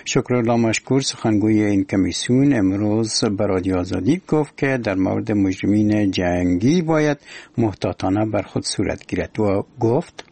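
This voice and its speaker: A male radio newsreader with an Afghan accent delivers formal scripted news in a solemn, measured way. His voice sits fairly low. The close studio sound is very dry. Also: creaky, dark tone, no room sound. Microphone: close studio microphone.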